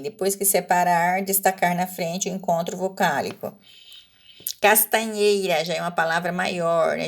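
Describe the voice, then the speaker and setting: A patient woman teacher talking a student through a worksheet at an unhurried pace. She drags out each example word and keeps checking in with a quick tag question. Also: on the low side. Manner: patient, slow and explanatory, stretching out example words. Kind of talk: recorded Portuguese lesson walking through a worksheet.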